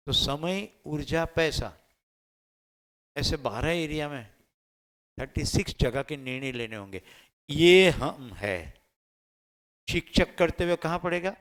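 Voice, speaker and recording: A man with a Gujarati accent giving a motivational lecture to teachers. He asks the room questions and then answers them himself, and he mixes in Hindi and English terms. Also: medium pitch. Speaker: teacher trainer.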